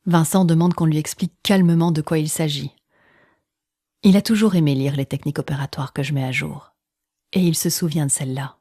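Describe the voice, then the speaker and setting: Speaking low and mellow with an even delivery, a woman narrates an intimate first-person account. Pauses heighten the drama, her voice sometimes falls to near a whisper, and she acts out others' words; there's no echo.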